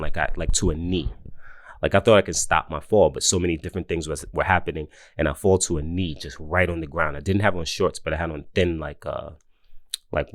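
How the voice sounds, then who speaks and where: A man in his forties telling a casual personal story, animated, often laughing and mimicking others in high voices. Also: no room sound, studio quality. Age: 40s. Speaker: host.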